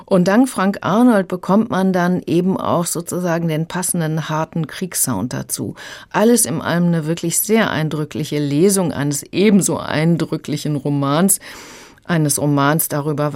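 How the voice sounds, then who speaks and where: A woman critic reading a scripted radio review in a measured, earnest way. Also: sits low, darkish tone, dry recording. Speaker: book critic.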